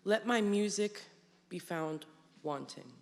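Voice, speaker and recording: A young woman in her late teens reciting a poem with a slow, quiet delivery. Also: medium pitch, expressive, gravelly. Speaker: student reciter. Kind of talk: formal poetry recitation. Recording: long hall reverb, distant.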